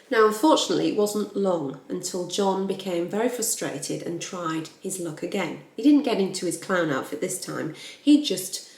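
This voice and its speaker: A woman telling a true crime story in a blunt, animated, casual way, swearing freely. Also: on the low side, creaky. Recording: roomy echo.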